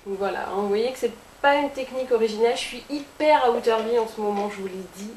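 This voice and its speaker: A woman's voice: fairly high pitch, fast, darkish tone. Woman, beauty blogger, casual makeup tutorial, playful asides, roomy sound, faint hiss. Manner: chatty, playful asides to viewers.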